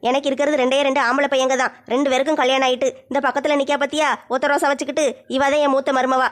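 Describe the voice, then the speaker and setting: A woman's voice: high-pitched, level tone, very fast, close to an everyday voice. A woman voicing a boastful older village mother-in-law who chatters and scolds in cartoon voice acting. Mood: scornful.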